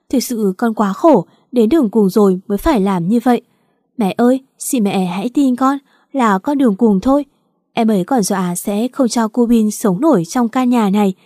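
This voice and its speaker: A scheming young wife who pleads in a tearful, hurried way, as a woman narrator voices her. The voice is mellow and soft-edged, and the recording is dry. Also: on the high side, no echo, close to an everyday voice.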